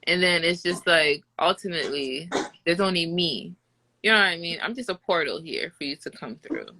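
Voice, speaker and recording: A woman's voice: on the low side, expressive, normal speed, sharp tone, a little hiss or hum, rough recording. A young woman from Haiti in casual chat, speaking bluntly with some swearing and frequent laughter.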